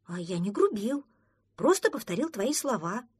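A woman's voice: mid-range voice, sing-song, normal speed, husky, no room sound, studio quality. A woman voicing a curious, cheeky little duckling in a children's audiobook who asks question after question.

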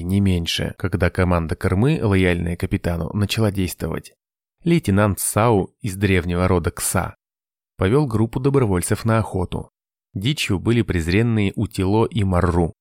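A man reading an adventure novel aloud as audiobook narrator, in a measured, dramatic way. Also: deep voice, darkish tone, dry recording, clean studio sound.

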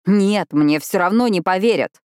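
A woman's voice: medium pitch, moderate pace, a little mellow, smooth, no echo, clean studio sound, lightly acted. A woman reading a distraught young man who is crying and pleading.

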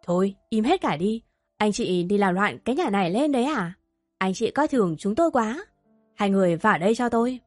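A woman's voice: a little high, lively intonation, normal speed, no echo, faint music behind. A woman playing a stern old grandfather. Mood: gruff. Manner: gruff, commanding. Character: frail elderly grandfather, stern patriarch.

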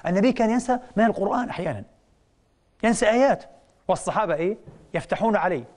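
Fast, high-voiced man giving a lecture. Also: animated, darkish tone. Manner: rhetorical questions to the audience, teacherly, emphatic. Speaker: Islamic scholar and TV lecturer. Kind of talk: religious lecture.

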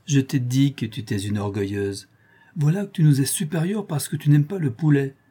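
A man's voice: medium pitch, moderate pace, warm tone, husky, pitched above the performer's own voice, natural voice. A man voicing a cheerful, teasing young mother in a raised, playful tone.

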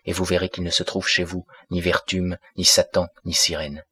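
A man voicing a calm, skeptical older pastor in an audiobook, speaking in a composed, dismissive way. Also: low voice, moderate pace, husky, dry recording.

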